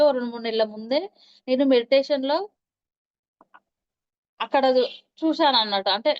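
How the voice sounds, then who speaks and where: Woman telling stories, smooth voice. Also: high-pitched. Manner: storytelling with many acted quotes and restarts. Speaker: meditation practitioner interviewed. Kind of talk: recounting personal spiritual experiences. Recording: dull lo-fi recording.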